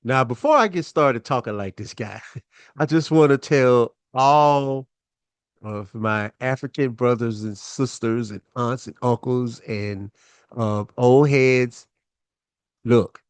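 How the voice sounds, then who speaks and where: A man's voice: mid-range voice, slow, smooth, dry recording. A man hosting his own show, telling a personal story in a laid-back, chatty way with lots of fillers.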